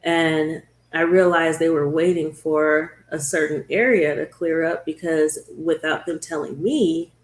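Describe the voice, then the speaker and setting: A woman's voice: low-pitched, steady tone, reverberant. A woman talk show host telling the story of her own illness in an earnest, conversational way. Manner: earnest, storytelling, slows down at hard moments.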